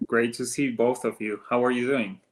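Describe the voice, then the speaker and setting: A man's voice: medium pitch, steady tone, moderate pace. A man from Argentina, a professor guest speaking in an upbeat, friendly way with some ums. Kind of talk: conversational interview.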